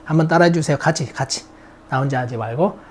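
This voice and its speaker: A middle-aged man whose first language is Korean, teaching English grammar in a recorded lecture and drilling vocabulary by slowly repeating words for students to echo. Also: a little high, a little hiss or hum.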